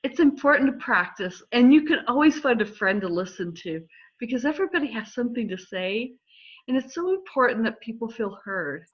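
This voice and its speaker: A middle-aged woman counselor explaining listening skills in a calm, measured way during a conversation. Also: a little high, breathy edge. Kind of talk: instructive conversation. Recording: slightly dull lo-fi audio.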